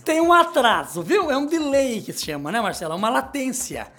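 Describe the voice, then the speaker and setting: A middle-aged man hosts a comedic radio show. He jokes, rambles and reads news items aloud in a small studio, with his pitch swinging up and down as he talks. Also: very animated, a little fast, sharp tone, faint music behind. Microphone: studio microphone.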